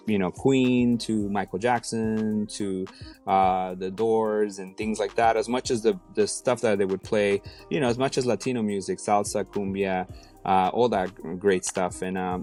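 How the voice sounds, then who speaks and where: A man's voice: lowish voice, darkish tone. A man in his thirties from Mexico City, a DJ and rapper talking casually as an interview guest, with many fillers and restarts.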